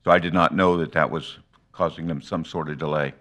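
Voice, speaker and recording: Low-voiced man, halting and factual. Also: steady tone, fairly bright tone. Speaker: city inspector. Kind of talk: testimony at a hearing.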